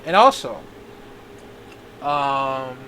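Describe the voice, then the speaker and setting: A man in his twenties talking in a personal video diary, halting and rambling with many restarts. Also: medium pitch, expressive, sharp tone, a little hiss or hum, low-quality recording. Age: 20s. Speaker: vlogger.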